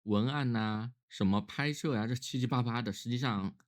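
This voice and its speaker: A man's voice: mid-range voice, moderate pace. A man who is ill with a cough, talking casually and reflectively on his own in a weary, musing way, as a solo vlogger.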